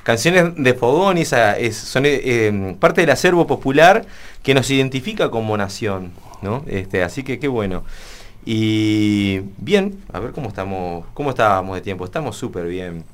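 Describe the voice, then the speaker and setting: A man's voice: fairly low pitch, expressive, moderate pace. A man hosting a casual radio interview from a studio, friendly and hesitant with frequent restarts. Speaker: radio host.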